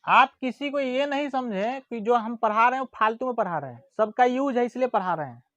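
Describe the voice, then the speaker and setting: A teacher giving a grammar lesson, dictating definitions slowly, repeating words and checking that students follow. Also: mid-range voice, expressive, a bit bright, no room sound, lo-fi sound. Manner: slow and deliberate, repeats words and checks understanding; drawls vowels aloud as examples.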